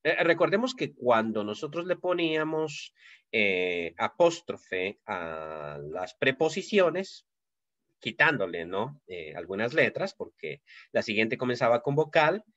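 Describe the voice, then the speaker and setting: A man teaching a Greek grammar class, explaining slowly with many fillers and checks for understanding. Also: mid-range voice, sing-song, a bit bright, no echo, lo-fi sound. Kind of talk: recorded class lecture.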